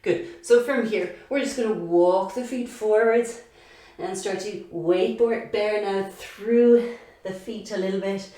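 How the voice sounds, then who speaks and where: A woman's voice: medium pitch, slow, dark tone, very echoey, distant mic. A woman yoga teacher guiding a class, chatty and encouraging, counting reps aloud and a bit out of breath as she exercises along. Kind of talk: guided yoga class instruction. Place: yoga studio.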